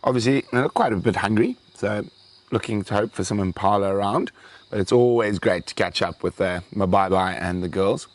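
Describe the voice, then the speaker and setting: Speaking at normal speed with a fairly low pitch, a young wildlife show host from South Africa runs a live stream. He's chatty and casual, says he is losing his voice, thanks viewers aloud, and bursts into excited exclamations.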